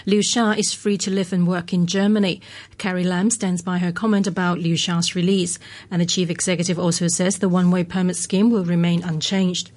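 A woman's voice: fairly low pitch, a little mellow. A woman presenting the news on radio, reading from a script.

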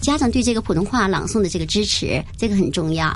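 A woman's voice: mid-range voice, animated, fast, slight background noise. A woman teacher explaining things conversationally, in an earnest and encouraging manner. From mainland China. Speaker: Mandarin teacher, guest.

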